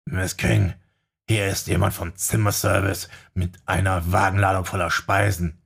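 A man's voice: low-pitched, little pitch movement, unhurried, creaky, fairly bright tone, slightly rough, heavily acted. A man as a stiff, polite guard. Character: polite male hotel guard, stiff and formal.

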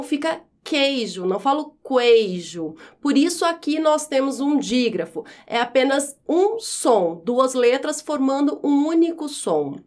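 A woman teacher explaining a grammar lesson, saying each example word slowly and clearly. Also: high voice, darkish tone. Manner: slow, clear enunciation of example words.

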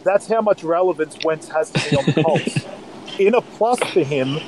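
Blunt Australian man over clear background noise. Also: fairly high pitch, animated, normal speed. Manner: blunt, crude and dryly mocking. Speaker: podcast guest analyst. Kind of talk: casual sports commentary chat.

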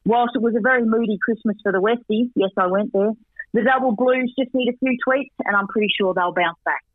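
Male guest analyst, talkative, stats-heavy, high voice down a phone line. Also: a little fast, dry recording. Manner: chatty, rattles off stats with asides. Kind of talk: radio sports recap and tips by phone. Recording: tinny dry phone line.

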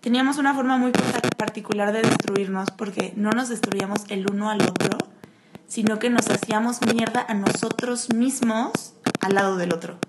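A woman's voice: mid-range voice, steady tone, moderate pace, very noisy. A young woman with a Mexican accent, co-hosting and telling candid personal stories in casual chat. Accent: Mexican Spanish. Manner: candid storyteller, acts out quotes. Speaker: podcast co-host.

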